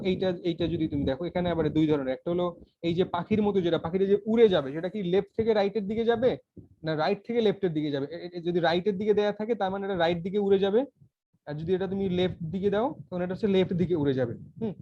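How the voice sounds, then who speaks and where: A man's voice: high-pitched, dark tone, slight background noise. A man teaching a casual computer tutorial, talking informally with many fillers and restarts. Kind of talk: casual screen-recorded tutorial. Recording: dull lo-fi voice recording.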